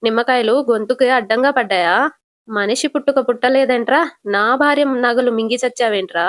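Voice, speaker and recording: A blunt young husband hurls scornful accusations, voiced by a woman. The voice stays on the high side and is dry and close. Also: a little fast, dry recording, natural voice.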